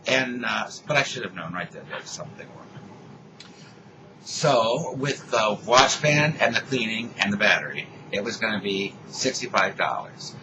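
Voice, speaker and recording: An older man telling a rambling story in casual chat, animated when he acts out what people said. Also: fairly low pitch, moderate pace, highs cut off, noisy background.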